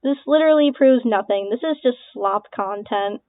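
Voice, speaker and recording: A woman's voice: on the high side, moderate pace, dry recording. Dismissive young woman on a tinny line. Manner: dismissive, sarcastic, swearing, laughing between remarks. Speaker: online creator responding to accusations. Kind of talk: casual reaction commentary. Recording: tinny phone-like lo-fi sound, dry.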